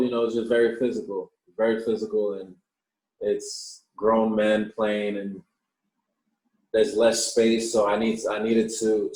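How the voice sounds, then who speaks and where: Low-voiced young man in an echoey room. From Australia. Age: 20s. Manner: relaxed, repeats words when starting sentences. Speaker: professional basketball player, guest. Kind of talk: casual interview answers.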